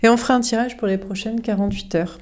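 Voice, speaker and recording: A woman's voice: on the high side, fairly even intonation, quick pace, darkish tone. A young woman giving a casual tarot reading, frank and chatty, with many fillers. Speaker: tarot card reader.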